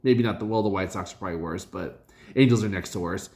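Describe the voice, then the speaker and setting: A deep-voiced man with a darkish tone casually goes over his fantasy league's draft picks, rambling haltingly with lots of fillers and self-corrections.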